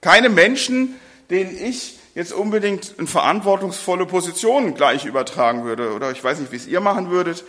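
Bright-voiced man preaching in a hall. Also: high-pitched, expressive, fairly quick. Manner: earnest, addresses the congregation directly. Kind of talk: sermon with Bible reading. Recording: long hall reverb.

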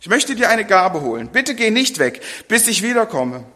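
A man's voice: sits high, big pitch swings, normal speed, bright, forceful tone, voice pushed up, heavily acted. A man voicing Gideon, an anxious, doubting young male farmer, with pleading, rising questions. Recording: long hall reverb.

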